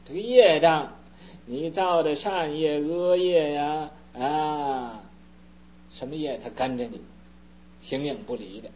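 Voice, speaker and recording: Brief: slow-speaking male Buddhist preacher, slightly high voice, dull lo-fi tape with faint hum. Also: darkish tone. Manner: unhurried storytelling with many fillers. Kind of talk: sermon telling a parable.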